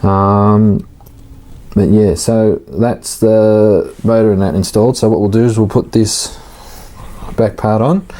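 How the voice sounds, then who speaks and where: A man giving a casual, hands-on tutorial, informal and halting as he thinks aloud while working. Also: fairly low pitch, steady tone, mellow. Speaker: hobbyist host of an RC car build series.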